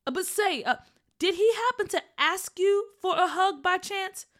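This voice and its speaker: A woman voicing a gentle, caring dad who gently teases his daughter in a storybook podcast. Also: very high-pitched, moderate pace, voice pushed up. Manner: gentle, teasing, hesitant.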